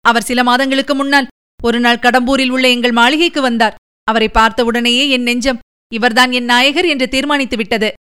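Pleading young noble girl, weepy and desperate, a woman reading her, high clear voice. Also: steady tone, brisk, pushed and bright. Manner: tearful, pleading, emotional. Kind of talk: audiobook reading.

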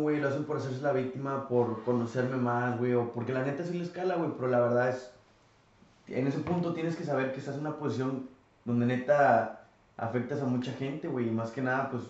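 A man's voice: medium pitch, a little fast, darkish tone, far from the mic. Blunt slangy Mexican man. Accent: Mexican Spanish. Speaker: podcast co-host. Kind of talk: casual debate. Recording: very echoey room, dull sound.

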